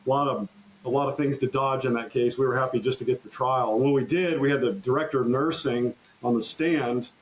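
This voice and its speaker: A man's voice: medium pitch, steady tone, a little hiss or hum, poor audio. Earnest storytelling male trial lawyer. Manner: earnest, halting restarts, recounts courtroom exchanges. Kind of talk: conversational storytelling interview.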